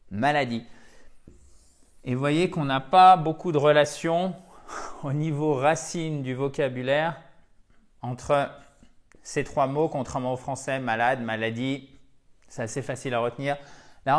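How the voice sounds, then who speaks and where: A French-speaking man giving a lively English vocabulary lesson, chatty with his viewers and repeating words to drill their pronunciation. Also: on the high side. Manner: chatty, addresses viewers as dear friends. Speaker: English teacher.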